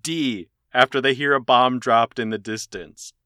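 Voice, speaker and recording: A man chatting casually as a podcast co-host, his voice bright and forward. He rambles through jokey stories and laughs often. The sound is dry and close. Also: mid-range voice, unhurried, clear, resonant tone, no echo. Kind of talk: casual chat.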